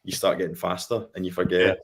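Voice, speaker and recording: Tiefer, schnell redender Schotte. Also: male voice, low-pitched, flat delivery, fairly quick. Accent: Scottish. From Scotland. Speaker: YouTuber on a film discussion panel. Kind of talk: casual unscripted chat.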